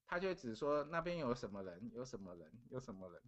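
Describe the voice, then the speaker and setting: Middle-aged man, podcast guest, earnest storyteller who repeats himself, mid-pitched voice. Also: very animated, fairly quick. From Taiwan. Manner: earnest, repeats phrases while recounting events. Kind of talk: casual storytelling.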